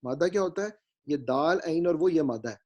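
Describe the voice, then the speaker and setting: A man teaching a grammar lesson, patient and explanatory, slowly spelling out vowel marks and often checking that his students follow, with English words mixed in. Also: fairly high pitch, lively intonation, darkish tone, lo-fi sound. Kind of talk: grammar lecture.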